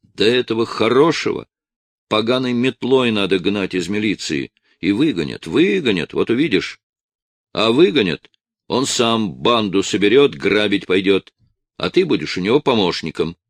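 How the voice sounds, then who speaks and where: A man reading an audiobook voices a bitter, nagging middle-aged wife who scolds in a shrill, raised voice. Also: very animated, moderate pace, vocal fry, few pauses, no room sound, full character voice. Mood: scolding.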